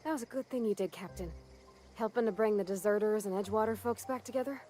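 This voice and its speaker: An actress voicing a shy young woman in a video game, who talks softly, hesitantly and apologetically. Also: medium pitch, fast talker, close to an everyday voice. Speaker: game companion.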